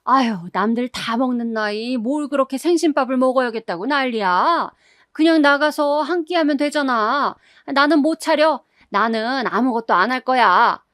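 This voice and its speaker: A woman voicing a grumpy, sharp-tongued middle-aged mother-in-law who scolds in a shrill voice. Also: moderate pace, no room sound, clean studio sound. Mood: grumbling, defiant. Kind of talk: storytelling.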